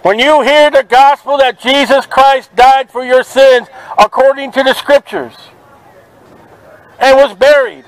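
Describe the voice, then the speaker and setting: A man preaching outdoors at a market, forceful and confrontational, quoting scripture to passers-by. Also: very high-pitched, no echo, poor audio. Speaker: street preacher. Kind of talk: open-air street preaching. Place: outdoors at a city market by traffic.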